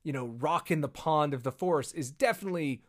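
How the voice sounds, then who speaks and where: A man in casual podcast chat, talking animatedly and acting out characters in quick high-pitched bits.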